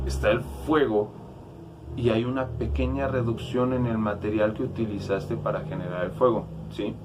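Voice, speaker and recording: A man's voice: fairly low pitch, background noise. A man with a Mexican accent preaching a casual youth sermon, conversational and slangy, often checking in with listeners. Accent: Mexican Spanish.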